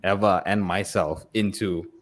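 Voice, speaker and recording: A man hosting a live podcast conversation, thoughtful and hesitant, with frequent fillers and soft laughs. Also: low-pitched, fairly even intonation, measured pace. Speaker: podcast host. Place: room with guests.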